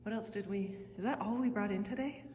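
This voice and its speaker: A woman's voice: medium pitch, fast. A woman casually narrating a vlog in an informal, chatty way, thinking aloud, her voice echoing around a big workshop. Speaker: vlog host. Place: large echoey metal or concrete workshop. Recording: very echoey workshop, loud background noise. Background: loud ambient noise.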